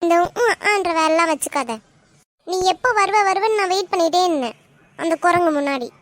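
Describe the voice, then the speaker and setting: A woman's voice: extremely high pitch, a little fast. A woman voicing a young college girl in a cartoon, with a Tamil Nadu accent and a teasing, sulky way of arguing with her friend. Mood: bickering. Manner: teasing, sulky back-and-forth. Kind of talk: cartoon voice acting.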